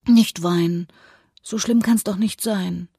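A reader voicing a gentle, caring younger sister in an audiobook, speaking softly and comfortingly. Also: mid-range voice, animated, normal speed, vocal fry, slightly rough, no room sound, clean studio sound, exaggerated voice. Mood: worried. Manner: soft, comforting. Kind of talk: audiobook character voice.

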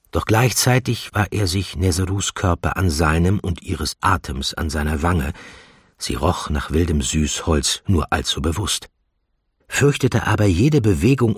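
A man narrating a fantasy audiobook in a measured, steady storytelling manner. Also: sits low, slightly rough, dry recording, studio quality. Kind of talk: scripted narration.

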